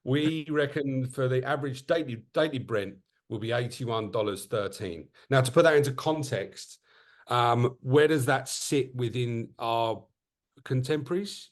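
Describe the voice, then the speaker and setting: A man co-hosting a casual podcast, talking in quick, joking bursts. He trips over his own sentences and restarts them. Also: medium pitch. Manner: animated, self-interrupting, jokey. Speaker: podcast co-host. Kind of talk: casual market chat.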